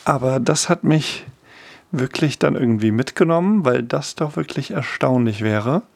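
A man's voice: mid-range voice, animated, moderate pace, creaky, no echo. A middle-aged man presenting an informal explanatory monologue, musing and wry, with hesitant asides. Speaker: host of a monthly sound feature.

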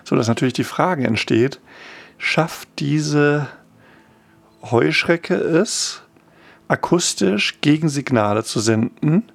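A man's voice: mid-range voice, vocal fry, no echo. A middle-aged man presenting an informal explanatory monologue, musing and wry, with hesitant asides. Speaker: host of a monthly sound feature.

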